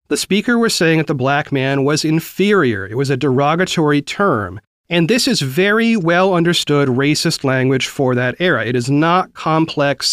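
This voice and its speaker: Man, 40s, from the South, news host, animated delivery, dry close mic. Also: a little high, clean tone, dry recording. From American South. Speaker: podcast host. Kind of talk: news commentary.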